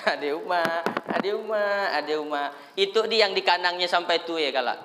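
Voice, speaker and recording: A man preaching a lively sermon, acting out crying children and fussing parents. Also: high voice, a little fast, big-room sound, a little hiss or hum. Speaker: Islamic preacher.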